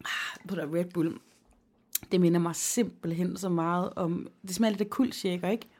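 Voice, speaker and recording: A woman's voice: fairly low pitch, steady tone, darkish tone. A woman who co-hosts a podcast and works in radio, talking in a casual chat with teasing quips. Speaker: podcast co-host and radio presenter.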